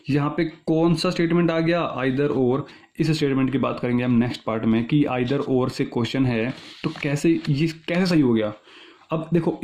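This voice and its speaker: In an online lesson, a male teacher walks through exam logic step by step, often checking that his students are keeping up. His voice sits on the high side with a darkish tone. He reads statements slowly and then explains them quickly.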